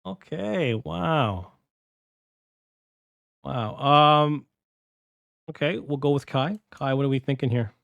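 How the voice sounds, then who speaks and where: A male podcast host with a gravelly edge to his mid-range voice. He keeps the chat moving by calling on each guest and answering with long, drawn-out okays. The sound is dry and close. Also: medium pitch, steady tone, fairly bright tone, no echo. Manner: leads the turns, reacts with drawn-out okays. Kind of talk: casual chat.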